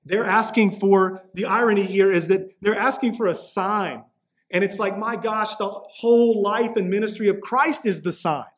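A man's voice: high-pitched, moderate pace. A man preaching a sermon as pastor, earnest and emphatic.

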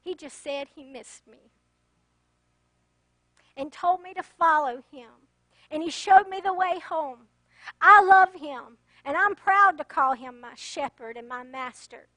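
A woman's voice: sits high, slow, no room sound, exaggerated voice. A woman voicing a humble, loving sheep in a story told during a sermon. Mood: tender. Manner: gentle, earnest.

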